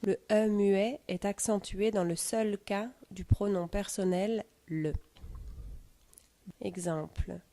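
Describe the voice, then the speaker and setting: A woman reading a pronunciation lesson, dictating definitions and word examples in a measured way. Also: medium pitch, steady tone, dark tone.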